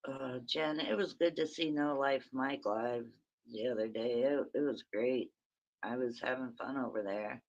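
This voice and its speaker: This livestream host is a woman whose voice is very raspy and bass-deep, and the recording is muffled. She runs a chatty, meandering early-morning stream from her phone, greeting viewers by name.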